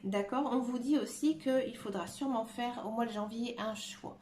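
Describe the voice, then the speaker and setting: A woman giving a tarot reading to her viewers, talking gently and hesitantly with many filler sounds. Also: a little high, normal speed. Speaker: tarot card reader. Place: room at home, dog nearby. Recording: echoey room with faint noise.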